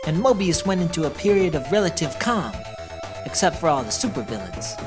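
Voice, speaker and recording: Woman playing a young male hedgehog hero, scripted narration, low-pitched, wry, matter-of-fact, music behind. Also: very animated, a little fast. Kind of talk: scripted first-person recap narration.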